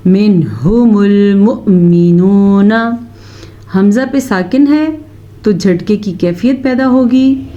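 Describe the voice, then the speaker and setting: A woman teaches Quran recitation, going through the rules and turning to her students with questions. Her voice is warm and mellow. The recording sounds a little dull and muffled. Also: a little high, expressive. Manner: explains rules, then recites verses slowly and drawn out; addresses students directly. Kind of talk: recitation lesson.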